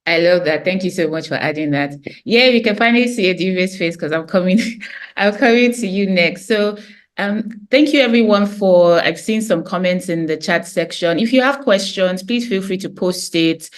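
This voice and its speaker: A woman moderating an online panel in a conversational, encouraging way. Her pitch runs slightly low. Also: normal speed. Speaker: host.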